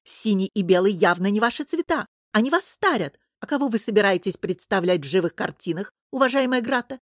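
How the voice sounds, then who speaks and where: A woman voicing an excitable plump court tailor. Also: mid-range voice, a little fast, dry recording, studio quality, close to an everyday voice. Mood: indignant. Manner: excitable, indignant, flustered. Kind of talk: audiobook character voice.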